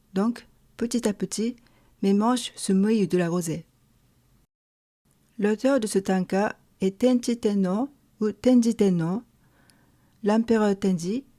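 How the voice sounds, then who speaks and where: Woman, teacher, slow careful lesson narration, soft mellow tone. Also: medium pitch. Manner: calm, careful, step-by-step explaining. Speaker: language teacher.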